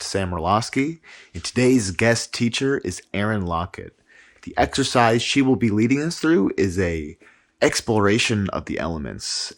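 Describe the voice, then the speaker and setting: Deep-voiced man hosting a podcast. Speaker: podcast host. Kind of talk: scripted introduction.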